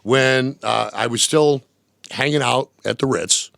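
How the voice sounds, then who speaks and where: A man, a former radio DJ, telling stories in an interview, animated and laughing often, putting on voices for the people in his anecdotes. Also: medium pitch, unhurried, vocal fry, dry recording, studio quality. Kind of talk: storytelling interview. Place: radio studio.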